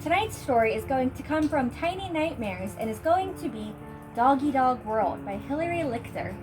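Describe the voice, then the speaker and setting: A woman's voice: sits high, animated, moderate pace, low-quality recording. A woman host reading a scripted short story aloud. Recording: music behind the voice.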